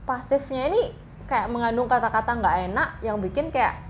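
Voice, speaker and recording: A woman's voice: on the high side, expressive, normal speed. A woman explaining things in a casual, informal chat, mixing in English phrases. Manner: informal, mixes English phrases into her talk. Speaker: host explaining psychology with personal stories. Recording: clear background noise.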